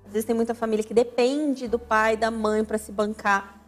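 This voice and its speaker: A woman's voice: a little high, level tone, normal speed, faint music behind. A woman hosting a radio talk on family life, teaching in an emphatic, didactic way and repeating key words for stress. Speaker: radio show host and family counselor. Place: radio studio.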